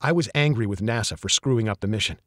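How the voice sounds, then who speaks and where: A man reading a first-person thriller audiobook in an even, measured storytelling manner. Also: on the low side, no echo, studio quality. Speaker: audiobook narrator.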